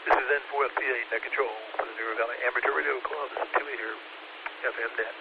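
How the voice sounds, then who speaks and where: A man running an amateur radio net as net control, speaking over a two-way radio transmission and talking in a halting way with many filler sounds. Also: medium pitch, steady tone, gravelly. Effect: tinny two-way radio transmission with static. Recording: tinny radio with static hiss.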